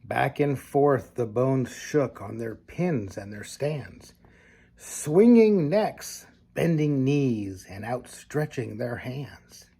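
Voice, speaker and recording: Like a grandfather, an older man reads a children's storybook aloud with expressive, deliberate phrasing and casual asides. His mid-range voice is creaky and slightly rough.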